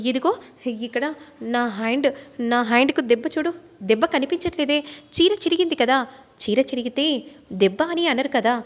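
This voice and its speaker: Brief: woman playing a sceptical defender, crisp challenging questions. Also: high-pitched. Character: sharp-tongued woman defending her relative.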